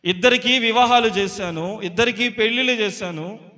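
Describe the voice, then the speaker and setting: A grieving mother pours out her troubles to a preacher in a pleading, repetitive lament, as a male preacher relays her words. The voice is high and bright, and a long hall reverb hangs behind it. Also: moderate pace.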